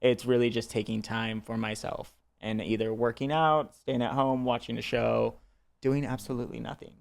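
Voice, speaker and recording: A man's voice: medium pitch, flat delivery, normal speed, gravelly. A man co-hosting a podcast in casual chat, candid and talkative, often laughing and filling with "like" and "you know.". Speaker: podcast co-host.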